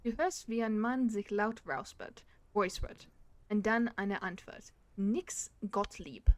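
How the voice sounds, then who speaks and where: A woman's voice: medium pitch, normal speed. Giggly woman playing a game. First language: German. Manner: giggly, chatty. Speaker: let's play host. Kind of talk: gaming let's play, reading dialogue aloud.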